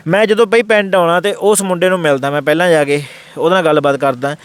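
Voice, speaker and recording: Fast-talking man telling his story. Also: a little high, steady tone, smooth, no echo. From Punjab. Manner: rapid, earnest telling that acts out the others' words in quotes. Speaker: interview guest. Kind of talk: casual first-person storytelling.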